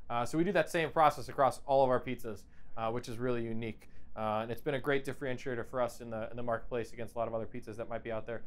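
A man from a pizza company giving an upbeat product demonstration. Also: smooth. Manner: upbeat sales pitch.

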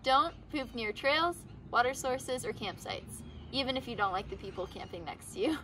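In a scripted instructional video shot in a backyard, a young woman teaching outdoor skills speaks at normal speed in a fairly high, upbeat, playfully deadpan voice. The camera mic picks up a faint outdoor hush along with a noisy background.

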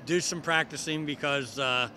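A man's voice: fairly high pitch, normal speed, sharp tone. A middle-aged man bantering in an interview as a contest winner, playfully confident. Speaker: contest winner, state legislator. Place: large indoor horse show arena. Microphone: handheld interview microphone. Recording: faint arena background noise.

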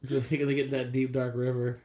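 A man running the festival, chatting casually and gently correcting pronunciations in an encouraging way. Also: mid-range voice, completely flat delivery, brisk. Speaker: festival organizer. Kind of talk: casual chat.

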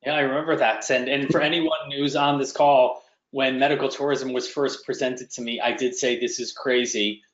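The middle-aged man running this webinar talks at normal speed with a medium pitch and steady tone. Presenting and interviewing on a video call, he's conversational with lots of ums and restarts, and the sound is roomy and dull.

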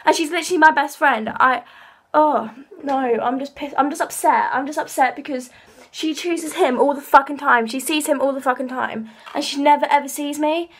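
Young woman, 18, high voice, tearful rambling vlog vent with casual swearing. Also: fairly even intonation, normal speed. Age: young adult. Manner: emotional, rambling, swears freely. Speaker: vlogger. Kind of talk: casual venting to camera.

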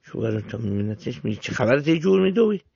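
A man doing a gruff old husband who is losing patience, his voice dropped low and gravelly. The sound is husky and dry. The recording is dull and lo-fi. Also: sing-song, warm tone, no room sound, full character voice. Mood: impatient.

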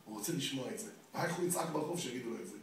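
A man giving a lecture to parents, lively and firing rhetorical questions at his listeners. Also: mid-range voice, a little hiss or hum. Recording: very echoey hall, distant mic.

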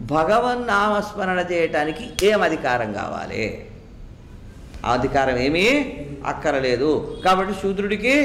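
A man giving an animated religious discourse as a teacher, asking rhetorical questions and reciting Sanskrit lines. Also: high voice, slight background noise. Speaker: Vedanta teacher. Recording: echoey room with faint ambience.

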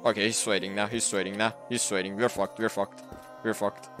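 A young man giving casual, excitable commentary while playing a shooter game, trash-talking and laughing often. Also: lowish voice, brisk. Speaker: gaming streamer. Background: anime music.

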